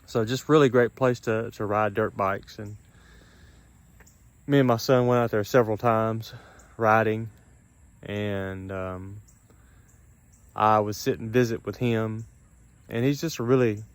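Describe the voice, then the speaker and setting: A middle-aged man talking casually to a vlog in a drowsy, halting, unhurried way, with a dry mouth and some gum chewing. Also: fairly low pitch, steady tone, no echo. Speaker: vlogger. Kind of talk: casual solo vlog, rambling personal talk.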